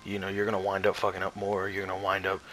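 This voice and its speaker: A man's voice: deep voice, monotone, fast, fairly bright tone, slight background noise, rough recording. A young man giving competitive gaming tips in casual commentary, rambling and swearing with many restarts, shivering from the cold. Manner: rambling, profane, frequent restarts. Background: faint music.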